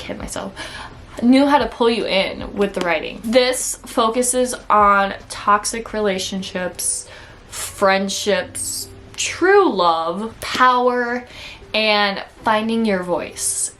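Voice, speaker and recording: A woman's voice: on the high side, fairly bright tone, slight background noise. A woman with a Minnesota accent chatting casually as she reviews the books she read, peppering her talk with "like" and "okay?". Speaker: book reviewer. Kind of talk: casual monthly reading wrap-up.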